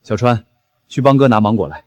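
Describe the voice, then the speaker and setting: Confident young village leader, lively, dry close voice, played by a man. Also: medium pitch, a little fast, dry recording, natural voice. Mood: assured. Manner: assured, reassuring. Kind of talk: short-drama acting.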